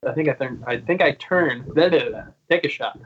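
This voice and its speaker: Brisk and slightly rough, a mid-range male voice comes through dull audio on a video call. The early-thirties guest singer keeps the casual interview loose, wandering through stories with plenty of swearing and laughter.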